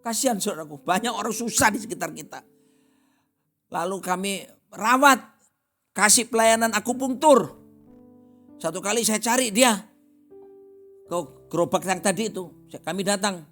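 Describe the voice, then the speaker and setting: A middle-aged man, a pastor, preaching a sermon with animated storytelling and acting out voices in the dialogue. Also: high-pitched, moderate pace, pauses often, soft background music.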